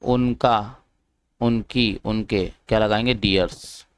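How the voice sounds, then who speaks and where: A man's voice: fairly low pitch, steady tone, smooth, dry recording. Indian male teacher, a Hindi speaker, patient and repetitive, drilling vocabulary, clean dry close-mic sound. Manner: repeats each word slowly, often asks the viewer what to say. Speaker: spoken English teacher. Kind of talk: classroom-style vocabulary lesson.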